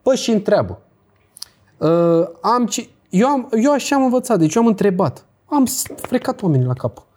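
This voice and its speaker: A man's voice: high-pitched, very animated, a little mellow. A young man from Romania giving casual, blunt advice in a podcast chat, full of slang and rhetorical questions. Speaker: crypto guest.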